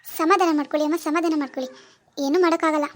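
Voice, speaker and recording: Woman doing a calm, very high-voiced village doctor. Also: natural voice. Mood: apologetic. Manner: calm, apologetic, measured. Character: village doctor, gentle and apologetic.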